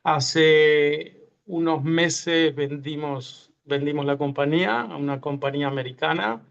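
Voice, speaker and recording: A man's voice: on the high side, measured pace, creaky, clear, resonant tone. Hesitant man on muffled call. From Uruguay. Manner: hesitant, many fillers and restarts. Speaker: tech entrepreneur guest. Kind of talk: online panel interview. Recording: muffled lo-fi video call audio.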